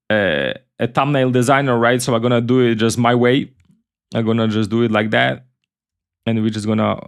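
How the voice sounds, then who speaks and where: A man from Ukraine, hosting a casual software tutorial in a loose, chatty way and often repeating his words. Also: medium pitch, vocal fry, clean tone. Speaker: tutorial host.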